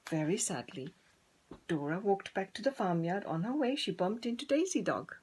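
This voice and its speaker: A woman narrating a children's story in a deliberate, gently dramatic manner. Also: mid-range voice, animated, a little hiss or hum. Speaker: storybook reader.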